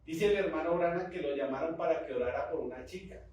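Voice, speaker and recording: A man's voice: fairly high pitch, fast, darkish tone, recorded from a distance, slight background noise. Man preaching in an echoey church hall. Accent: Colombian Spanish. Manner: preaching with rising fervor and call-and-response. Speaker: pastor. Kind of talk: sermon.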